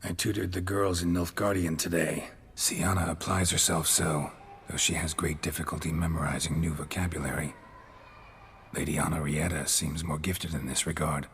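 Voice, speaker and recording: In a video game cutscene, a male actor voices a gruff, stoic monster hunter, delivering terse, deadpan lines in a gravelly, husky low voice. There is slight background noise.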